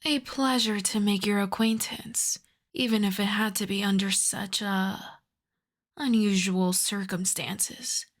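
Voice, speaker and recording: A woman playing an ancient aristocratic vampire countess in an ASMR roleplay, soft and breathy with whispers, speaking in a refined, coy, teasing way. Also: mid-range voice, natural voice. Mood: seductive, refined. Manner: refined, coy, formal old-fashioned phrasing. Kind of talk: ASMR roleplay, slow intimate scripted monologue.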